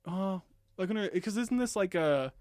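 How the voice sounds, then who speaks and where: A man, co-hosting a casual podcast, rambling and quick to laugh. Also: high voice, lively intonation, darkish tone, no echo, clean studio sound. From American Midwest. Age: 20s. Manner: rambling, quick to laugh, trails off mid-thought. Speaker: podcast co-host. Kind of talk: casual chat.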